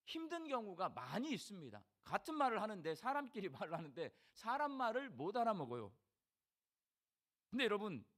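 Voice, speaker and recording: A middle-aged man preaching a sermon with a Jeolla Korean accent. His voice sits fairly high and swings widely in pitch. He talks in a homey, folksy way and keeps putting questions to his congregation. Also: a bit bright. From Jeolla region of Korea. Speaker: pastor.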